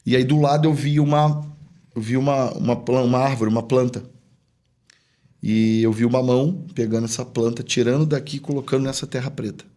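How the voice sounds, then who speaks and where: A pastor and business owner shares a personal story during a podcast interview, casual and earnest, acting out the lines people said. He has a mellow, medium-pitched voice with fairly even intonation and talks a little fast.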